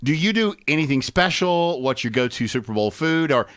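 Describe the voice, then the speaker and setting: A man's voice: a little high, expressive, fairly bright tone, clean tone, no echo, studio quality. A man co-hosting a radio show in casual chat, teasing his co-host and asking her questions. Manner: teasing, asks questions, quick to agree.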